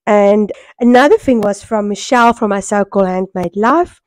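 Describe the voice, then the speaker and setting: Hoarse South African woman, close and dry. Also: medium pitch, moderate pace, no echo. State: hoarse, voice worn from a cold. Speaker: sewing vlogger. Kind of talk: casual vlog chat to camera. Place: small furnished room at home, indoors. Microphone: small microphone held near the mouth.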